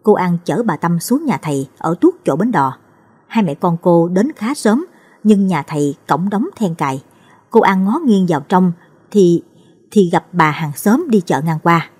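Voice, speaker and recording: A woman narrates a ghost story in a low, slightly husky voice. Her pitch moves a lot as she tells it. She shifts her pitch to voice each character's lines. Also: expressive, measured pace, a little mellow.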